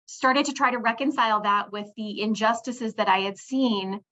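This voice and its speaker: 40s woman from pittsburgh on a video call webinar, sharp bright voice, muffled sound. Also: a little high, normal speed. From Pittsburgh, United States. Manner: reflective, with frequent fillers and restarts. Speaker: webinar presenter. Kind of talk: presenting a professional webinar. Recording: dull lo-fi webinar audio.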